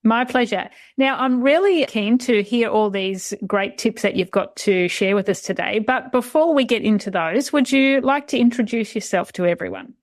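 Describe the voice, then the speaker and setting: A woman's voice: a little high, animated, normal speed, few pauses, dry recording, studio quality. A woman hosting a travel podcast, reading a scripted intro and then chatting politely and encouragingly with her guest. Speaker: podcast host.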